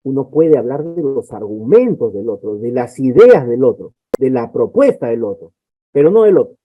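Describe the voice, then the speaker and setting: A man giving a conference lecture on conflict management, explaining calmly and acting out example exchanges. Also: medium pitch, moderate pace, no echo. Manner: explanatory, acts out example dialogues. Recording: dry, phone-like narrow sound.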